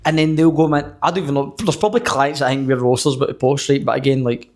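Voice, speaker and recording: A Scottish man in his twenties, a barber co-hosting a podcast, telling stories in a sweary, animated way and acting out what people said. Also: medium pitch, fast. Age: 20s. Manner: sweary, animated storytelling with acted-out quotes. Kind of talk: casual chat.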